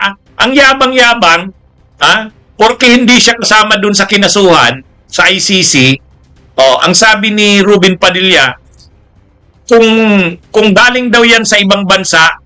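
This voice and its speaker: A man's voice: sits high, pushed and bright, clean tone. A Filipino man giving casual political commentary, chatty and mocking, laughing often and tossing in asides. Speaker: news commentary vlogger.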